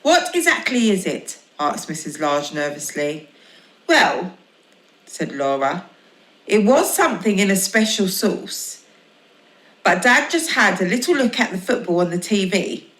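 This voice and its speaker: A woman reading a children's story aloud in a gentle, expressive way. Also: lowish voice, moderate pace. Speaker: storybook reader. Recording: echoey room.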